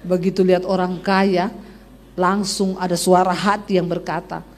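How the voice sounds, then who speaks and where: A woman's voice: on the low side, moderate pace. A middle-aged woman preacher, telling a humorous testimony to her congregation. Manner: lively humorous storytelling, addresses the congregation. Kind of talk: testimony sermon.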